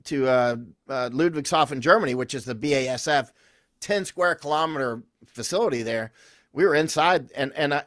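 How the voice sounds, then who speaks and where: As a podcast guest, this man speaks in a fairly high, fairly bright voice, recorded clean in a studio with no echo. His conversational interview storytelling rambles through anecdotes with restarts and confident, emphatic declarations.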